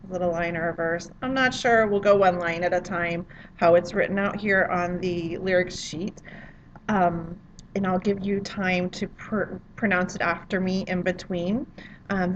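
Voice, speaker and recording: A woman teaches French pronunciation in a friendly, chatty and encouraging way, as if talking straight to her students. The recording sounds slightly muffled, with a faint room hiss under her voice. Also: mid-range voice. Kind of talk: pronunciation lesson.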